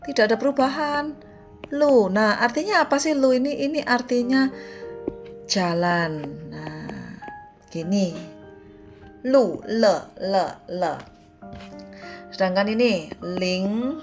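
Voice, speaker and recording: A woman's voice: fairly high pitch, very animated, a little slow, long pauses, soft background music. A woman with an Indonesian accent teaching Mandarin pronunciation in a casual online lesson, repeating syllables to drill viewers.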